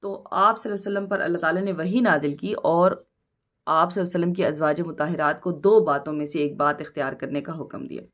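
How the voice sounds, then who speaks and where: A woman teacher with a Pakistani Urdu accent, giving a recorded study lesson and going slowly through word meanings one at a time. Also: low-pitched, fairly even intonation. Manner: reads word meanings slowly, stressing each word.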